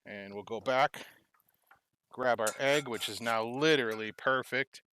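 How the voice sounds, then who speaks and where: A man's voice: mid-range voice, a little slow, pushed and bright, slight background noise. A man hosting a casual cooking vlog at his backyard grill, chatting through each step as he cooks. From United States. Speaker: host.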